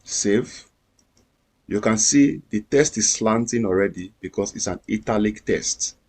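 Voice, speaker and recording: A man's voice: fairly low pitch, unhurried, a little mellow, breathy edge. A man teaching a screen-recorded coding lesson, explaining each step patiently and repeating himself. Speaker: coding instructor.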